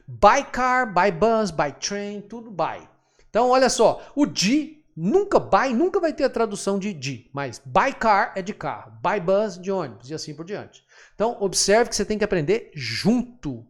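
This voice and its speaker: A man teaching English grammar patiently, checking in often with his students. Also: high voice. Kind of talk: screen-share lesson explanation.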